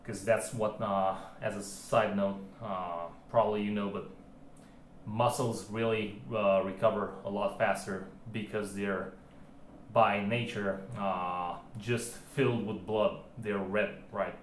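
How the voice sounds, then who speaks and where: In this laid-back filmed chat, a breathless man talks about his home arm workout, rambling with lots of fillers and false starts. He speaks slowly, with a lowish voice and fairly even intonation, in a roomy home recording with faint hiss behind him.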